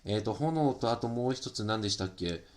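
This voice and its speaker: A man's voice: on the low side, expressive, brisk, a little mellow, slight background noise. A man chatting casually on a live stream while he works on a hobby project, switching between Japanese and English, politely greeting viewers by name. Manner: switches between Japanese and English, many fillers, laughs often.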